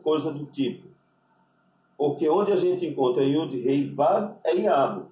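A man with a Brazilian Portuguese accent, a rabbi giving an unscripted religious lesson, deliberate and spelling out Hebrew letters with constant tag questions. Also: on the high side, expressive, warm tone, recorded from a distance, lo-fi sound. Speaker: rabbi teaching Hebrew names. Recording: echoey room, voice off-mic.

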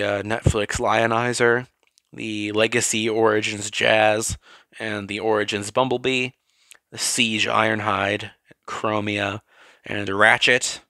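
A man's voice: on the low side, bright, forceful tone, dry recording. A man casually walking through his toy collection, rambling, correcting himself and getting worked up in short rants.

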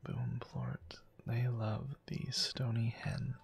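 A man quietly whispering casual ASMR gameplay commentary, musing aloud to himself as he plays, with keyboard and mouse clicks. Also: medium pitch, big pitch swings, slow. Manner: soft-spoken, musing aloud while playing. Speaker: gameplay channel host.

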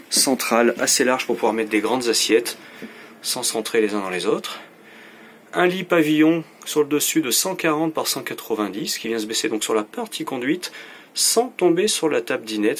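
A man presenting a motorhome for sale, briskly listing its features in a casual walkthrough recorded on a handheld camera inside the vehicle. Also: medium pitch, slight background noise. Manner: brisk, matter-of-fact listing. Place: inside a motorhome on a dealer lot.

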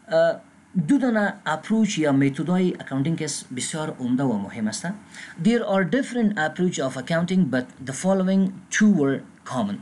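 A man with an Afghan Dari accent gives a recorded accounting lecture, reading English terms slowly and pausing with filler sounds. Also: a little high, darkish tone. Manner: frequent filler sounds and restarts. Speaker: accounting instructor.

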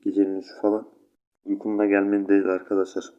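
A man's voice: on the low side, monotone, a little fast, lo-fi sound, noisy background. A sleepy young man with a stuffy nose, rambling chattily to his viewers while commenting on his gameplay. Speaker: gaming channel host.

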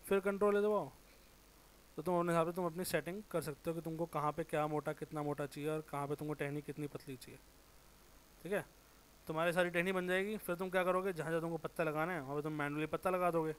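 A man with a sore throat giving a casual, informal software tutorial, thinking aloud, correcting himself and muttering as he works. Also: a little high, steady tone, fast, slight background noise. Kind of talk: casual screen-recorded tutorial.

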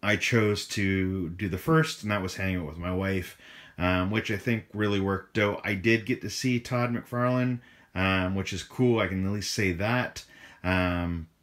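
A man speaks in a slightly hoarse, somewhat low voice, as if he has partly lost it. He rambles comfortably through a casual vlog rundown, with frequent "um"s and "uh"s between thoughts. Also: a little slow. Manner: relaxed, many fillers like um and uh. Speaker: toy collector vlogger.

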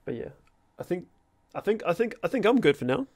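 A man, chatting informally and haltingly about games as a streamer, swearing casually. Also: high voice, very animated, darkish tone. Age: 20s. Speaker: streamer and host of a gaming series. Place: small room at home. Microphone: close desk microphone.

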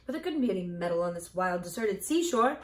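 A woman's voice: medium pitch, sing-song, fast talker, natural voice. A woman voicing an earnest, curious young farm girl in a storybook reading, with a raised, wide-eyed tone, in a roomy, echoey recording. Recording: roomy echo.

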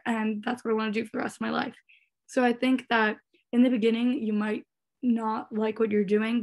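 A woman in her twenties, a recent graduate on a panel, telling a story in fast, chatty talk over a laptop microphone on a video call. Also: a little high. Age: 20s.

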